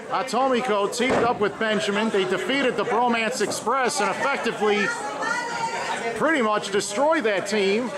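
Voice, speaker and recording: High-pitched male lucha libre announcer over roaring crowd. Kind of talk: excited wrestling play-by-play commentary. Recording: loud crowd noise behind the voice. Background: noisy wrestling arena crowd.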